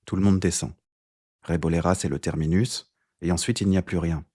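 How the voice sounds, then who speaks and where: Audiobook figure: a man playing an indifferent bus driver, very low voice, flat, curt. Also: brisk.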